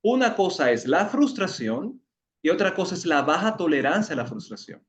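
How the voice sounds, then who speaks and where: A man's voice: a little high, very animated, normal speed. A man with a Dominican accent leading an online educational session, explaining patiently and asking the group questions. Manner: explanatory, asks the audience questions, repeats words when searching. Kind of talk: interactive talk to an online group. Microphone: video call. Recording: muffled video call audio.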